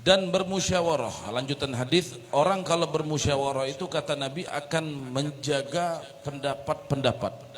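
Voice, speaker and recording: A man's voice: on the high side, moderate pace. Man retelling a sermon in a reverberant hall. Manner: storytelling, lively, explains with asides. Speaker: interpreter. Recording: long reverb of a large hall.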